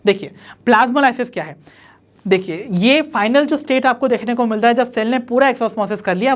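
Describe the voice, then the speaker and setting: Woman, biology teacher, exam-prep lecture, slow dictated definitions, frequent check-ins. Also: mid-range voice. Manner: dictates definitions slowly, keeps checking understanding.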